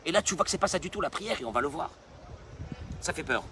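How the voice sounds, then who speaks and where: A man's voice: on the high side, lively intonation, quick pace, noisy background. A man, a rabbi, preaching a sermon in an emphatic way, repeating phrases for stress.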